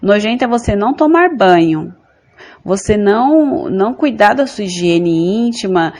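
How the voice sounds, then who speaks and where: A woman's voice: mid-range voice, lively intonation, measured pace, a little mellow. A woman from Brazil giving an earnest, repetitive religious testimony, often calling her listeners brothers and sisters. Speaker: church member giving testimony.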